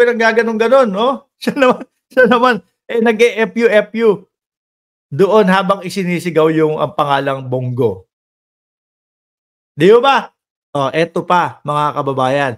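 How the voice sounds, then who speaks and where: A man giving casual, mocking political commentary, laughing often and jumping between loud chants and low asides.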